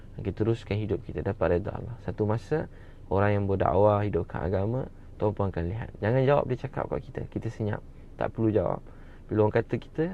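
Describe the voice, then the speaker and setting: A man's voice: lowish voice, creaky. A Malaysian man preaching a sermon in a fervent, repetitive way, often addressing the audience directly. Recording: dull lo-fi recording with faint background noise.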